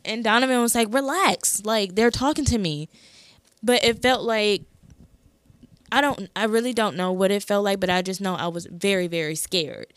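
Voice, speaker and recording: A woman's voice: mid-range voice, steady tone, moderate pace, fairly bright tone, clear, resonant tone, dry recording. A young woman hosting a podcast, telling a personal story in a casual, chatty way with lots of fillers. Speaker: podcast host. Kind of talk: casual chat.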